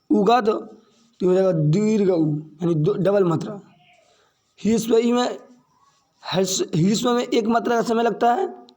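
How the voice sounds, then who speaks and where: Male teacher, high mellow voice, deliberate classroom delivery, repeats and quizzes himself. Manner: repeats points and asks questions he answers himself; slow and deliberate, stressing key terms. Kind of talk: classroom grammar lesson.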